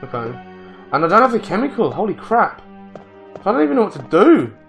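A man commenting on his own gameplay, muttering to himself, swearing and getting excitable. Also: sits high, a little fast, gravelly, faint music behind. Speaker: let's play gamer.

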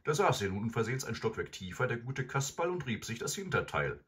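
A man reading a children's storybook aloud in an expressive, animated way. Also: mid-range voice, fast talker. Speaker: narrator.

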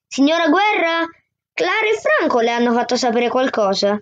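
Brief: frustrated young boy, voiced by a woman reader, higher voice, insistent, dull dry audio. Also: sing-song, moderate pace. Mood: pleading. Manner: rising, insistent outbursts.

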